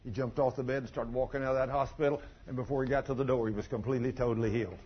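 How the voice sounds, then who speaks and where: An older man preaching a sermon in a church, telling folksy stories and surging loud for emphasis, in a husky voice. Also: mid-range voice, steady tone, rapid-fire, background noise. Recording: dull lo-fi recording.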